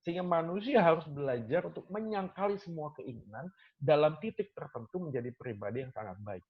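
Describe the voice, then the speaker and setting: A male lecturer talks in a relaxed, conversational way, acting out his students' questions as he tells stories. His voice sits a little higher than most men's. The recording sounds dull and muffled. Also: a little fast. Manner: animated storyteller, acts out students' questions, mixes in English phrases. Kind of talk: casual talk sharing teaching stories.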